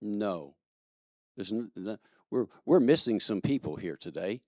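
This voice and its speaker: A man from Kentucky reads out the church announcements in a low voice, chatty and quick to joke, stumbling over fillers as he goes. His voice comes across close and dry. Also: expressive, dark tone, dry recording. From Kentucky, USA. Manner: chatty, joking, halting with fillers. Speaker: platform assistant. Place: church service.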